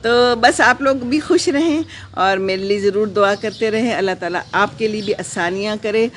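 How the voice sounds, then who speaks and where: A woman hosting a casual live stream from her garden, reading out viewer comments. She talks in a gentle, reflective, unhurried way with pauses, mixes in English phrases, and offers prayers and blessings. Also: medium pitch, slight background noise. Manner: prayerful, sprinkles blessings and wishes.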